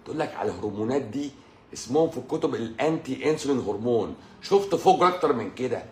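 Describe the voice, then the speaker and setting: A man's voice: mid-range voice, expressive, quick pace. Emphatic Egyptian man in an echoey room. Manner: emphatic, repetitive, addresses listener as "pasha". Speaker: doctor hosting a live stream. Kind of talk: informal live-stream health talk. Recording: roomy echo, faint background noise.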